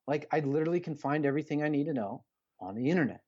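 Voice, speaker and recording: This middle-aged coach races along in a slightly mellow, higher-leaning voice that's quite expressive, recorded with lo-fi sound. On the podcast where he's a guest, his motivational talk is earnest, emphatic and conversational, packed with repeated phrases and rhetorical questions.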